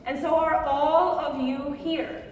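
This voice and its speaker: Addressing a live audience in a conference session room, a public speaking coach offers encouraging, direct coaching advice and takes questions. Her voice is raised in pitch yet fairly even in intonation, slow and a little mellow, captured by a distant mic in a very echoey hall with faint noise and heavy echo.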